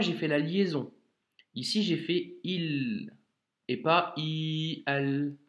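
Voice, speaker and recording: A man teaching Arabic reading in a video lesson, patient and repetitive, often checking the viewer follows. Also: on the high side. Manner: patient, repeats words slowly, frequent check-ins.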